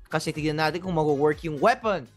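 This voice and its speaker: A Filipino co-host chatting playfully in a mix of Tagalog and English, now and then bursting into loud laughter. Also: mid-range voice, brisk, faint music behind. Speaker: online show co-host. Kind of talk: lively chat mixing Tagalog and English.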